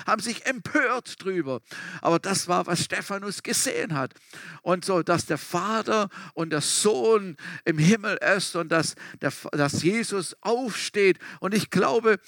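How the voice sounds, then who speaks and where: A man's voice: sits high, pushed and bright, no echo, clean studio sound. A man preaching a sermon in a storytelling way, stressing points by repeating them. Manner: storytelling, emphatic repetitions.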